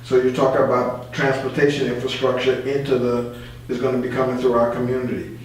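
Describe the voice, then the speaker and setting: In an informal radio discussion, a male community advocate guest explains his views, repeating phrases for emphasis. His pitch sits in the middle, his delivery is flat, and he talks a little fast. Faint noise, a far-off microphone, and heavy room echo mark the recording.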